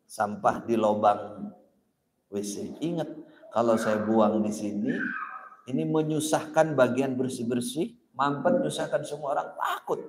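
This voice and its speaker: A man's voice: fairly high pitch, slight background noise. A man preaching a sermon, telling stories with emphatic, sharply rising stresses on key words. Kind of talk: sermon with storytelling. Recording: echoey hall with long reverb.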